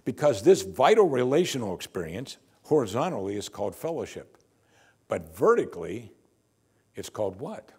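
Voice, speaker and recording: An older man, a pastor, preaching a sermon from the pulpit of a church in a lively, conversational and wry way, on a lapel mic. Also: medium pitch, moderate pace, breathy edge.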